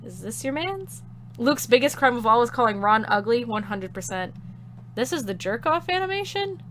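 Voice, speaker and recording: A woman's voice: on the high side, expressive, moderate pace, a bit bright, a little hiss or hum. A woman streaming a video game, chatting casually in a blunt, sarcastic way and swearing freely. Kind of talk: casual gameplay commentary. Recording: game music playing behind the voice.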